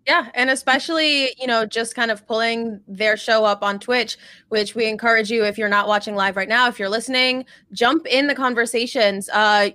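A woman's voice: fairly high pitch, bright, forceful tone, dry recording, studio quality. A woman co-hosting a podcast in casual, upbeat chat, laughing often. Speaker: podcast co-host.

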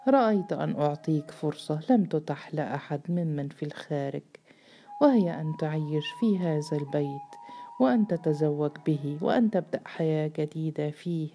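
A woman voicing an aged patriarch grandfather who speaks calmly and with authority, in a read-aloud novel. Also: low voice, brisk, soft background music. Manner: calm, authoritative.

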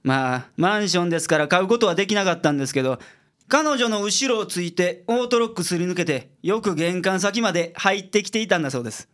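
A fast-talking man with a high-pitched, animated, fairly bright voice voices a Kansai-accented private detective in a radio drama. The character is gruff and logical, blunt toward juniors yet secretly soft-hearted, and here he calmly explains.

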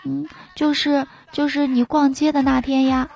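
A hesitant young man stammers out his compliments, slow and a little soft, as a woman puts on his voice. The delivery sits lower and gentler than her usual storytelling tone. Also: little pitch movement, gravelly. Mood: bashful.

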